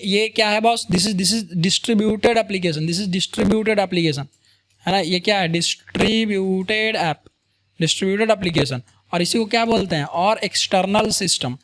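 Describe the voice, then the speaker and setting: A man's voice: high voice, fairly bright tone. A man teaching a programming lesson in a casual, conversational way, often checking in with his viewers with "right?" and "boss?". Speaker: programming tutor. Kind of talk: screen-recorded coding lecture.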